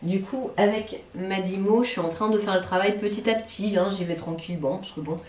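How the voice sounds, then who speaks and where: A French woman who vlogs about plants chats casually to camera about her houseplants in her living room at home. Her mid-range, darkish voice moves fairly quickly, hesitant and full of fillers and restarts, recorded from a distance in a roomy space with slight background noise.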